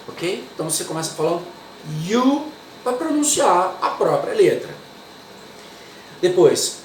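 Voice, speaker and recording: A Brazilian man, pitched a bit high, leads a pronunciation lesson in an unhurried, drilling way. He sits back from the mic in an echoey room with a faint hiss behind him. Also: distant mic. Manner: slow, repetitive, drills words one by one. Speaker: English teacher.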